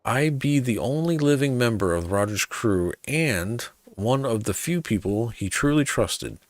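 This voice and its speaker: A man voicing a gruff, wily old pirate sailor in archaic seafaring dialect for a video game quest. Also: medium pitch, animated, unhurried, no room sound, pitched above the performer's own voice. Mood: secretive.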